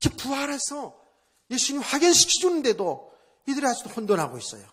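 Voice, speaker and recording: A man's voice: extremely high pitch, wildly swooping pitch, fast talker, fairly bright tone, slightly rough. A male pastor preaching a sermon at a church service, in a conversational style, asking the congregation rhetorical questions and repeating phrases for emphasis.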